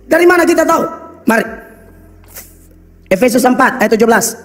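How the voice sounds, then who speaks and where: A pastor with a Kupang accent, preaching a blunt, scolding sermon full of local slang. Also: male voice, extremely high pitch, lively intonation, brisk. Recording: reverberant hall with faint music.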